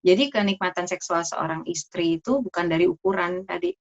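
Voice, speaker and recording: A middle-aged woman doctor giving a casual talk on marriage health to an audience, chatty with lively asides. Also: lowish voice, fairly quick, gravelly. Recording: dull lo-fi sound.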